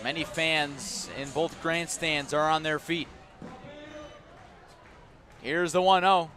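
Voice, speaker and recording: Over faint ballpark music, an American baseball play-by-play announcer with a notably high voice gives live radio commentary. His tone is steady, pushed and bright, and his pace slow, as he builds drama through short, clipped phrases.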